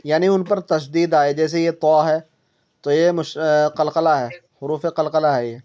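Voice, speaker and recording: In a one-on-one Quran reading lesson recorded in dull lo-fi, a woman speaks in a low, steady, dark voice. She explains with patience and repetition, quizzes her pupil with questions, and draws out syllables as demonstrations.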